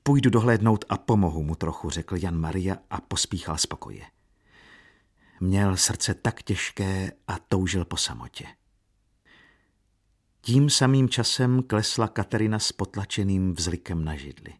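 A man narrating a novel as an audiobook reader, measured and calm. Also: low-pitched, husky.

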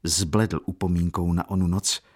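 A man reading a novel aloud in a steady, measured way. His voice is husky and fairly low, and his delivery stays calm and even throughout. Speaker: audiobook narrator. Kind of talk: scripted narration of a novel.

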